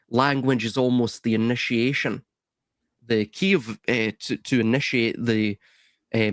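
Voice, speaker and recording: A man's voice: medium pitch, no echo, clean studio sound. A man on a video call, a guest in a philosophical discussion, rambling and musing with many fillers and restarts.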